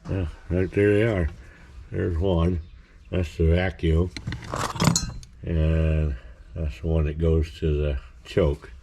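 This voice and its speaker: A hobby mechanic who hosts a channel rambles casually about working on an old car in his home garage, plain-spoken and full of fillers and restarts. His voice is deep and fairly flat in pitch, and he talks slowly with frequent pauses. The recording is very noisy.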